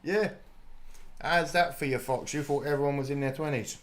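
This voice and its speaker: A man's voice: a little high, moderate pace. A British man in his thirties hosting a live watch party stream, chatting and joking with viewers and laughing often. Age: 30s. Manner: chatty and jokey, laughs often, swears casually. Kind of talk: live reaction chat.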